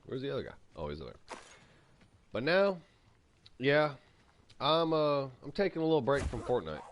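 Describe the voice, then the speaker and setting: A man's voice: medium pitch, normal speed, slight background noise. A man hosting a gaming channel, giving rambling, opinionated commentary while playing and eating. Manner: rambling, opinionated, animated ranting. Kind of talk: casual gameplay commentary.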